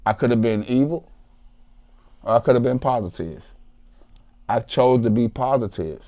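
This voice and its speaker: A man's voice: mid-range voice, normal speed, dark tone. A man from Columbus, Ohio, with an Ohio accent, telling his life story as a podcast guest in an emphatic, profane, preachy way. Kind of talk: emotional storytelling.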